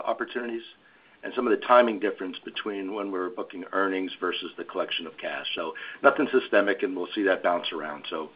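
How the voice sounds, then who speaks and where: Man, low husky voice, calm and businesslike, muffled call audio. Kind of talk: answering analyst questions.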